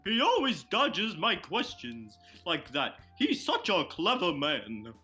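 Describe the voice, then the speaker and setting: A pushy, flirtatious cafe regular, voiced by a performer who keeps prodding with questions. The voice swoops wildly in pitch and sounds bright. Faint music lies underneath. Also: huge pitch swings, slow pace, full character voice. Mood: teasing. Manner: nosy, teasing, swooping. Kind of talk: fan comedy dub.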